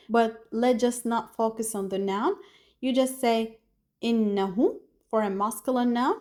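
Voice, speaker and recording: Lebanese woman teaching, fairly high voice. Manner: patient, explains and repeats words for learners to copy; addresses viewers as "guys". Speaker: Arabic teacher. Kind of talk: language lesson.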